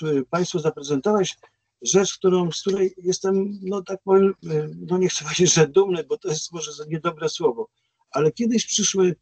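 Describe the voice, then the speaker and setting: Man, school principal, husky voice, dry close sound, hesitant storytelling with fillers. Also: fairly high pitch, darkish tone, no echo. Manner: hesitant, full of fillers and restarts. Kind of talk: anecdotal webinar talk.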